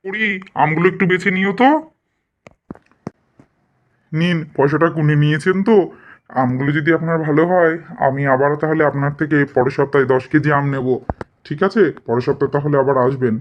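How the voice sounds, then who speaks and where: A man's voice: on the high side, steady tone, a little fast, long pauses, highs cut off, a little hiss or hum, lightly acted. A man voicing a village father who haggles impatiently over the price of mangoes. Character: stingy bargaining village father.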